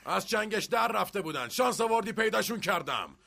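A man's voice: sits high, expressive, gravelly, sharp tone, exaggerated voice. A man dubbing a blunt, exasperated man who lectures and reproaches. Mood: scolding. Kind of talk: film dubbing.

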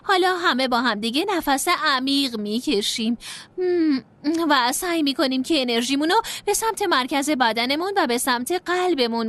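A calm class instructor. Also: female voice, high voice. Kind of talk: dubbed film dialogue.

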